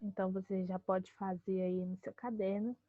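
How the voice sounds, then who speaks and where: A Brazilian woman teacher giving a calm online grammar lesson, explaining step by step and slowing to spell out words. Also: mid-range voice, no room sound, narrow, tinny audio. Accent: Brazilian Portuguese.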